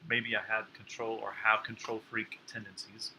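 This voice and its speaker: A chatty man co-hosts a kitchen talk show, teasing himself as he goes. His voice is very bright and forward, with a faint hiss behind it. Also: fairly low pitch, level tone, moderate pace, rough recording. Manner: chatty, self-deprecating, playful. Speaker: cooking show co-host. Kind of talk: casual chat. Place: home kitchen.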